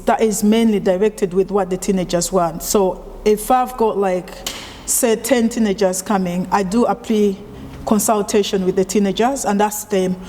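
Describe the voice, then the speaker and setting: A woman from Uganda speaks as a chef in an oral history interview, with a mellow, mid-pitched voice. She talks in a relaxed, chatty way, full of small fillers and restarts. The recording has a long hall reverb and a faint hum of noise behind it. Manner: relaxed, conversational with frequent fillers.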